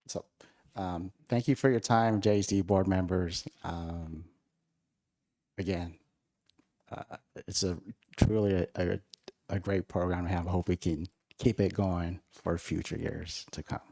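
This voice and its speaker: A man with a very deep, gravelly voice answers questions at a school board meeting. He is hesitant and uses a lot of "uh" and "um.". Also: steady tone, a little slow, dark tone. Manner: hesitant, many fillers. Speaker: school sports program staff. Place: district board meeting room.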